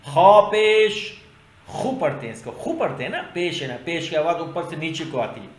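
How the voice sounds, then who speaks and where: A male Quran teacher spelling out Arabic letters and vowels for learners, repeating syllables slowly and loudly. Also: very animated, roomy sound. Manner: slow drawn-out repetition of syllables, loud and high when drilling.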